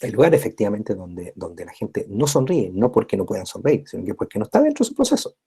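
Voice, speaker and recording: A man's voice: lowish voice, sing-song, fast talker, warm tone, slightly rough. A man giving a recorded university lecture, explaining step by step and often checking in with his listeners. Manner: constant tag checks with listeners; explanatory, repeats and rephrases points.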